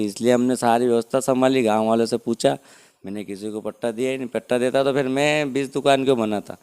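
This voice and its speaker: A man's voice: medium pitch, darkish tone, clear, resonant tone. A man, a village head defending himself in an interview, insisting on his point with repeated rhetorical questions.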